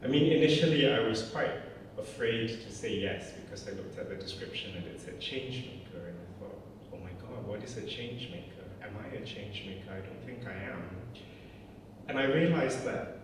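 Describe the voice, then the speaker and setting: A man in his forties, originally from Malaysia, speaks reflectively and candidly at an evening event, his voice sitting a little low. He is heard from some distance across a large, echoing church hall, with a clear hum of room noise behind him. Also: lively intonation, moderate pace. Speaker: director of a climate communications charity. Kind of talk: personal talk at an evening event. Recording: echoey hall, distant mic, audible noise.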